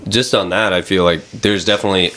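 Low-voiced man hosting a chatty podcast. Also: fairly even intonation, fast, sharp tone. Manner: opens in a mock radio-announcer voice, then talks loosely with many fillers. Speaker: podcast host. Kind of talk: casual podcast chat.

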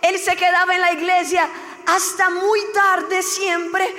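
Very high-voiced young woman giving testimony. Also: flat delivery, slow, sharp tone. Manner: emotional storytelling, acting out dialogue. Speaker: church speaker giving testimony. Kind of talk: testimony sermon. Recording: long hall reverb.

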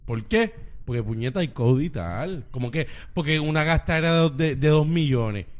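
A man's voice: on the high side, expressive, normal speed. A Puerto Rican man in a casual group chat, speaking with passion, cursing freely and repeating his points for emphasis.

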